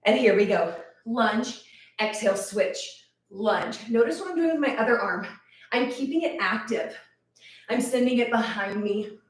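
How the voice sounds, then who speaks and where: A woman leading a live workout class, counting reps and cheering people on while out of breath. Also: mid-range voice. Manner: encouraging, counts reps aloud. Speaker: fitness instructor. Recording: echoey room, voice from a distance.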